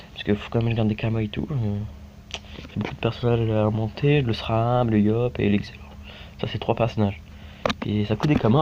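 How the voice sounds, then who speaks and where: A man from France giving casual, rambling commentary while playing a mobile game, full of fillers and repeated tags. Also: medium pitch. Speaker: gaming YouTuber. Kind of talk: casual let's-play commentary. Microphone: phone screen recording mic. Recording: dull lo-fi audio with faint background hiss.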